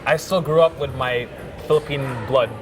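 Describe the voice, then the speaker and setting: A man's voice: on the high side, fairly even intonation, moderate pace, crowd noise. A young man, a filmmaker guest, talking in a casual interview with lots of "like" fillers. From Thailand. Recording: music playing behind.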